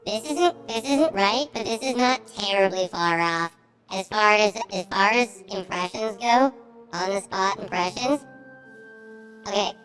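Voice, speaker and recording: High giggly falsetto from a guy goofing around, swoopy and slow. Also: long reverb tail, over music.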